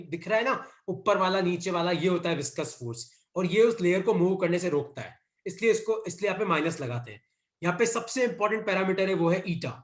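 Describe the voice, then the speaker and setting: A man's voice: high voice, roomy sound. Indian man dictating a physics lesson. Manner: repeats dictation cues, mixes Hindi and English. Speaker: physics teacher. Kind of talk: online class lecture.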